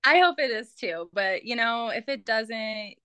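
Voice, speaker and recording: A woman's voice: on the high side, animated, a little slow, bright, forceful tone, smooth, no room sound. A young woman with a Minnesota accent, chatting playfully as a podcast guest and laughing often.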